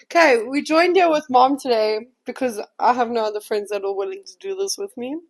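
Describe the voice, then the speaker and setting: A woman's voice: on the high side, a little fast. A woman in her twenties hosting a podcast, interviewing her mother in a playful, teasing way. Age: 20s. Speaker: podcast host. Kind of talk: casual chat.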